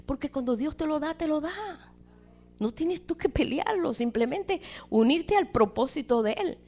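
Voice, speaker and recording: A woman preaching a sermon with animated delivery, often repeating words and calling listeners brother. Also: sits high, moderate pace. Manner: animated, acts out quoted voices, addresses listeners as brother.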